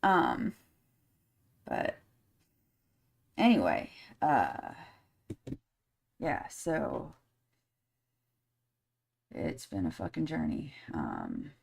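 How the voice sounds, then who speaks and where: A woman with a low, deep-set voice talks casually on her podcast live stream. She is candid and blunt, swears freely, and rambles with many fillers between her thoughts. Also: huge pitch swings, drawn-out words, vocal fry, pauses often, darkish tone, husky. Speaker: podcast host.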